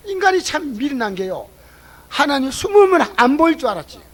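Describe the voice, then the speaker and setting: A man preaching a sermon at a church service. He questions the congregation and swings between loud exclamations and low asides. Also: sing-song, brisk, poor audio. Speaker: pastor.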